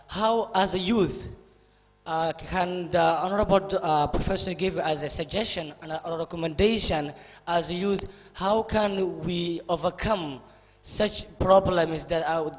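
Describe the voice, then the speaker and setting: A man from Somalia asking a question at a conference, speaking haltingly with many pauses and fillers. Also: on the high side. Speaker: audience member asking a question. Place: large conference hall. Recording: reverberant conference hall.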